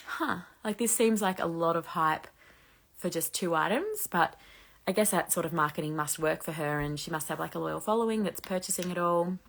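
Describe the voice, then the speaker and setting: A woman in her thirties with a low voice, hosting a casual live chat and reading out viewer questions. She rambles in a friendly way, filling her sentences with "like", and now and then lets out a small laugh. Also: creaky. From Australia. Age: 30s. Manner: chatty, frequent "like" fillers, laughs lightly. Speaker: host answering viewer questions.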